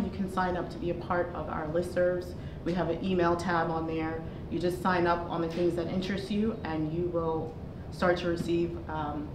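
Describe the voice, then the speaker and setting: A woman on a forum panel steadily listing the free resources of her advocacy group. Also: on the low side. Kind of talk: informational panel remarks. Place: conference room panel. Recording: echoey room recording with noise.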